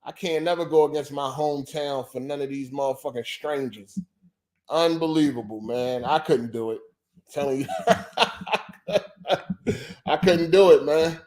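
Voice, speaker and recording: A man chats on his livestream in a fairly high voice. His talk is loose and profane, and he repeats his points over and over, leaning on "man" and "dog.". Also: normal speed, pauses often, a little mellow. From Philadelphia. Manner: loose, profane, repetitive banter. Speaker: podcast host. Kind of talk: casual livestream chat.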